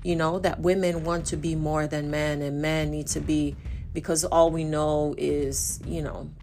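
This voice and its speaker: Woman, forties, from Brazil, native Portuguese speaker, low voice, casual podcast host, chatty, faint hiss. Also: a little slow. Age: 40s. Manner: chatty, animated, self-correcting.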